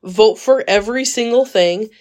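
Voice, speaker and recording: A woman's voice: a little high, moderate pace, a little mellow. A woman co-hosting a casual book club podcast, talking earnestly and emphatically with frequent fillers and restarts, recorded on a phone. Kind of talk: casual chat.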